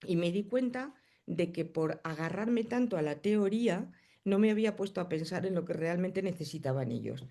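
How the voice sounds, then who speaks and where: Hoarse woman teaching a coaching class over a video call, gravelly fry in her voice, talks it through step by step. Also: lowish voice, expressive, moderate pace, mellow. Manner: explains step by step, then reads the chat. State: hoarse, coughing. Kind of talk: live online class.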